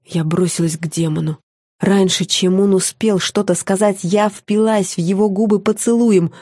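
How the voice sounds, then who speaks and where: A woman reading a first-person audiobook on a close studio mic, intimate and expressive, often softening to a hush. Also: mid-range voice, moderate pace, breathy edge, no room sound. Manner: intimate and expressive, dropping to a soft hush in tender moments. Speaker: audiobook narrator.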